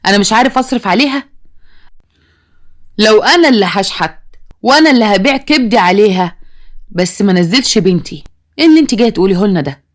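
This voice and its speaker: Brief: woman voicing a fast-talking Egyptian dad in an audio story, pleading and defensive. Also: medium pitch, expressive, lightly acted. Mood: distressed. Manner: pleading, self-justifying. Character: worried divorced father, middle-aged man.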